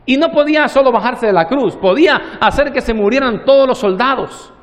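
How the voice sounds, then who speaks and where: High-pitched man preaching a sermon, drawn-out pauses, big hall echo. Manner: preaching with long slow pauses, acting out the parable's dialogue. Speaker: pastor.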